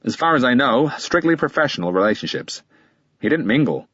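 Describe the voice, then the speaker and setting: Reading an audiobook, a man takes on a defensive, guarded middle-aged lawyer whose impatient replies come in short bursts, husky and a little higher than the narrator's usual voice. The performance is very animated, brisk, and fairly bright in tone. The audio is dry and slightly muffled, without room sound.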